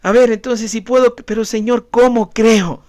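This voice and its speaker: A man's voice: extremely high pitch, fairly even intonation, moderate pace, a little mellow. A man who is a pastor preaching a sermon, emphatic and questioning the congregation directly. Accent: Ecuadorian Spanish.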